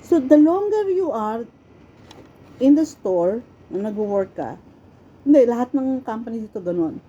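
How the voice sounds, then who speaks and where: A middle-aged woman from the Philippines telling stories from her life in a casual, animated way, often laughing and acting out quoted lines. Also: fairly high pitch, a little slow, slightly rough. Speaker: storyteller sharing her life. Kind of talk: casual personal storytelling. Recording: dull, lo-fi with faint background noise.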